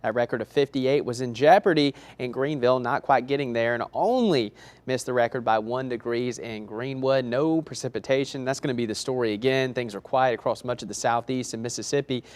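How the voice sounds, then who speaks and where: A man's voice: mid-range voice, fairly quick. A man delivering a TV weather report as a forecaster, in a chatty, conversational on-air manner.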